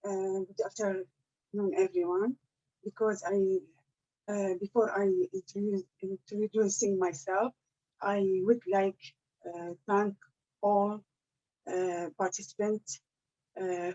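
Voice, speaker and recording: Slow woman doing a cooking demo, muffled video call sound. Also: medium pitch, level tone, warm tone. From Iraq. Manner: slow, halting, careful English with many pauses. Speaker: cooking class presenter.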